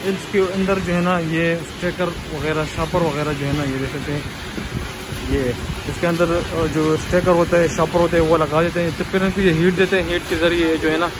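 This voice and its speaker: A high-voiced, talkative vlogger with an Urdu-speaking Pakistani accent shows off a factory in a casual walkthrough, filming an indoor workshop of machines on a handheld phone. He keeps repeating "you can see" while pointing, and the background is noisy.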